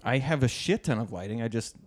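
A man's voice: medium pitch, lively intonation, brisk, a little hiss or hum. A man hosting a casual podcast chat in an echoey room, talking informally and swearing freely. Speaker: podcast host. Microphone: close handheld or stand microphone.

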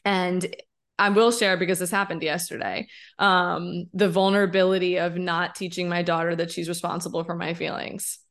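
A woman in her thirties co-hosting a podcast, talking in an emphatic, expressive, candid way and often tossing in a rhetorical "right?". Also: lowish voice, normal speed. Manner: candid, occasionally swearing. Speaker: podcast co-host. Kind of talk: casual podcast conversation.

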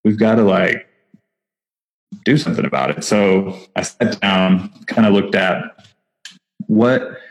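The audio is poor, and his lowish voice holds a steady tone, moving a little slowly with frequent pauses. He's a nonprofit founder from Texas, by his accent, appearing on a podcast and talking casually and enthusiastically with lots of fillers and restarts.

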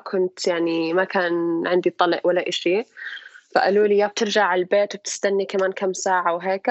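A woman's voice: lowish voice, no room sound, lo-fi sound. A young woman with a Levantine Arabic accent, chatting casually about her own life and mixing English words and phrases into her Arabic. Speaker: interviewee, a mother telling her birth story. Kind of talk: casual personal storytelling.

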